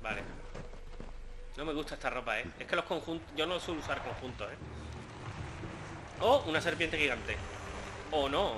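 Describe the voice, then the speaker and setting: A man giving joking, excitable gameplay commentary, swearing casually. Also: a little high, moderate pace, long pauses, background noise. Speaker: gaming host.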